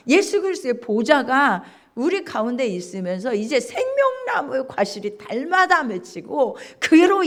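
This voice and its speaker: A woman pastor preaching a sermon, emphatic, often asking rhetorical questions. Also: sits high.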